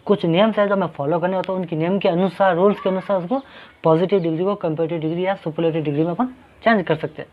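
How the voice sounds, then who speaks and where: A man's voice: sits high, steady tone, fast, a little hiss or hum. A man teaching an English grammar lesson. He explains patiently, repeating each point and asking questions that he then answers himself. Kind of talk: classroom-style grammar lesson. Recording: dull lo-fi recording.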